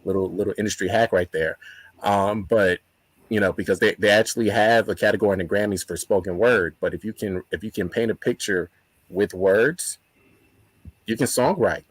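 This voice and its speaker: Low-voiced man, reflective guest. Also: normal speed, slightly rough, no room sound, low-quality recording. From born in Nigeria, grew up in the United States. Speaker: spoken word artist and interview guest. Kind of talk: conversational interview answers.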